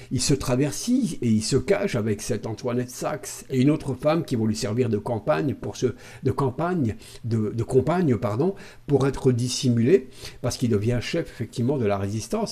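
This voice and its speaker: A man from France giving sarcastic, lively political commentary to camera, with frequent hesitant fillers. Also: mid-range voice, husky. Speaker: video commentator.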